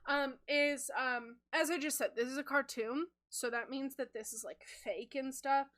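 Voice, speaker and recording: A woman's voice: high voice, fairly even intonation, normal speed, fairly bright tone. A woman voicing a self-aware cartoon seagull henchman in a rainbow hat, talking in an exasperated, reasoning way. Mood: candid. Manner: exasperated, then frankly reasoning.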